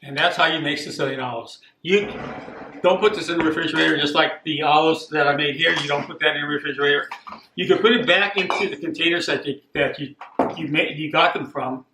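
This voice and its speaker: An older man from Costa Rica giving a plain, unhurried home cooking demonstration, repeating himself now and then. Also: a little high. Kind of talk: casual home cooking demo. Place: echoey home kitchen. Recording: echoey kitchen with clear background noise.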